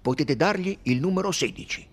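A man voicing a brisk, jovial middle-aged railway director who talks emphatically and is quick to exclaim. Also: on the high side, lively intonation, voice pushed up. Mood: impatient.

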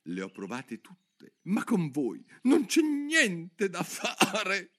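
A man voicing a shrill, anxious female pigeon guarding her eggs, screeching and indignant. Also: very animated, unhurried, sharp tone, full character voice.

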